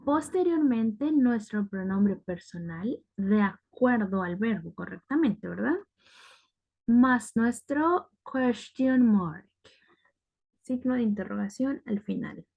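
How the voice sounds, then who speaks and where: A woman's voice: on the high side, animated, slow pace, creaky, a little mellow. A woman teaching a grammar lesson, patient and methodical, often checking in with the class. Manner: patient, repeats "ok" to check understanding. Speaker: English teacher.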